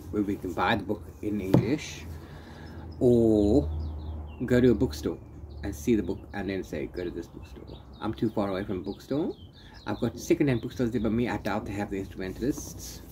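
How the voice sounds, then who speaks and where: Sitting under an open-sided corrugated-iron shelter outside, a man reviews books in a relaxed vlog, his mellow, lowish voice at normal speed. He rambles and drifts into repeated filler phrases, with open-air ambience and audible background noise.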